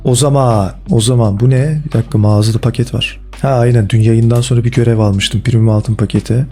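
A man commenting casually and excitedly on football game cards as a gaming video host, with slangy, chummy talk aimed at his viewers. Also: medium pitch, a little fast. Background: faint background music.

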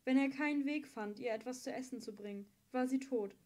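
Woman narrator for an audiobook; higher, mellow voice, steady and measured. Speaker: audiobook reader.

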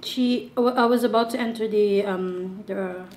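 A woman's voice: medium pitch, steady tone, normal speed, a little mellow. A woman from the Philippines chatting casually while tasting food on a vlog and retelling what happened to her. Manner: chatty, retells stories with mimicked voices. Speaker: food vlogger.

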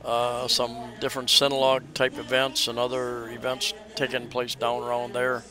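A man's voice: mid-range voice, completely flat delivery, moderate pace. A man narrating a casual walking tour outdoors, rambling with many hesitations and restarts, recorded on a camera mic as he walks. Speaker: travel vlogger. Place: outdoors on a crowded city street during a festival. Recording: loud street crowd around.

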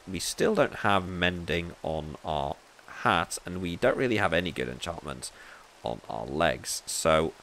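A man's voice: sits low, creaky, fairly bright tone. A man hosting a gameplay video, chatting playfully and thinking aloud as he plays. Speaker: let's play host.

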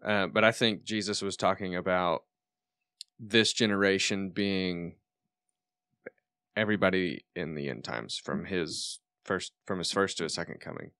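A man in his twenties co-hosting a podcast, thinking aloud with halting restarts and reading scripture aloud. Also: sits low, bright, forceful tone, clear, resonant tone, no echo, clean studio sound. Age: 20s. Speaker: podcast co-host.

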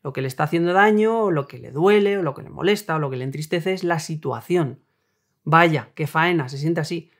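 A young man talks through relationship advice in a calm, reasoned way. His voice sits somewhat high for a man. He lays each point out with everyday examples, like a host teaching his viewers. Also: brisk. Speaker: self-help video host. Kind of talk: explanatory talk on relationships.

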